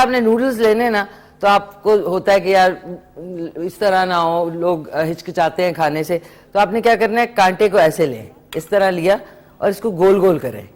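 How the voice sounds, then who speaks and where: A middle-aged woman, hosting a live morning TV cooking segment and chatting to viewers and callers. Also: fairly low pitch. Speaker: morning show host.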